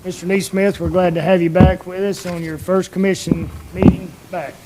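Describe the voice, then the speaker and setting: A man's voice: high-pitched, flat delivery, moderate pace. A man chairing a public meeting in a courteous, formal, procedural way. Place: indoor commission meeting room. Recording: faint background noise.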